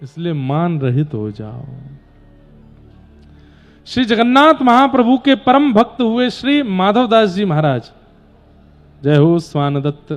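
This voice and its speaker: Male preacher, devotional discourse: high voice, slow exhorting delivery, faint music behind. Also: very animated. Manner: fervent, exhorting, storytelling. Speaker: religious storyteller. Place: live religious gathering.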